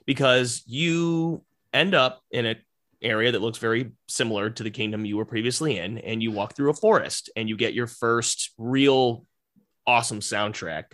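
A man's voice: mid-range voice, moderate pace, fairly bright tone. A man co-hosting a podcast, talking casually and agreeably, with the odd laugh. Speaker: podcast co-host.

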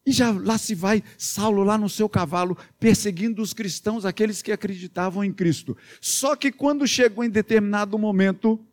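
A pastor with a Minas Gerais accent telling a Bible story to children, animated and playful, with sound effects and questions to the kids. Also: male voice, high-pitched, moderate pace, hardly any pauses.

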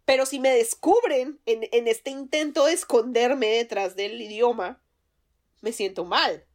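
Her voice is fairly high and her pace measured as she co-hosts a podcast in easygoing chat. She's Colombian, speaks with that accent, laughs frequently, and often begins sentences again.

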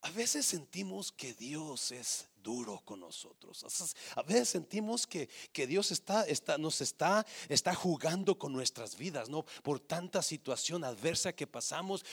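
A male pastor preaching a sermon with passion, calling out to the congregation and swinging from hushed to shouting. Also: fairly high pitch, lively intonation, a little slow, vocal fry, few pauses, breathy edge. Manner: calls out to congregation.

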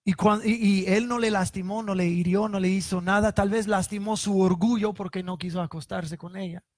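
High-voiced man preaching. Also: steady tone, normal speed, dry recording. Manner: dramatic, reads scripture then retells it vividly. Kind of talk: sermon with Bible reading.

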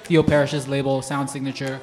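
An easygoing male DJ from Singapore talks about his music in a relaxed way. Clear music plays behind him during a live bar broadcast. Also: medium pitch, fairly quick. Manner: easygoing, relaxed storytelling with fillers. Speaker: DJ guest. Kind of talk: casual interview chat. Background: music playing.

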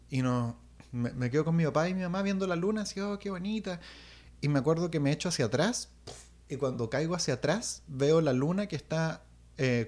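A young man telling a personal story in casual chat, animated and acting out sounds. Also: fairly high pitch. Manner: animated, acts out voices and sounds, restarts.

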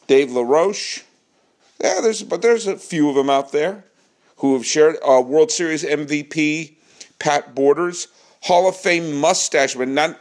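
A man hosting a casual baseball podcast, joking and projecting as he performs. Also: fairly high pitch. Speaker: podcast host.

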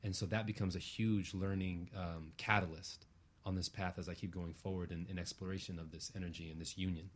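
A man appears as an interview guest, reflective and earnest, using abstract spiritual phrasing and often checking that the listener agrees. His voice sits low and husky, with a flat delivery and a slightly fast pace.

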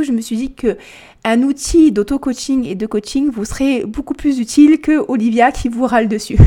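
A woman's voice: fairly high pitch, warm tone. A young woman hosting her own podcast as a life coach, explaining in a chatty, casual way with fillers and repeated words. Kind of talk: casual solo podcast talk.

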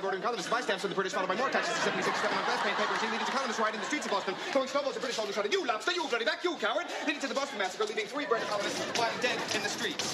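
A man playing a rapid-fire history teacher. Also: high voice, close to an everyday voice. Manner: extremely fast rattling delivery. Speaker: fast-talking teacher in a sitcom clip. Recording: played clip with loud audience noise.

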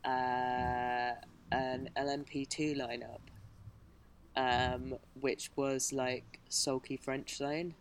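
A woman's voice: rumbling low, little pitch movement, extremely slow, slight background noise. A woman, a motorsport journalist, chatting as a podcast guest in a rambling, hesitant way with many restarts. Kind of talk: casual podcast chat.

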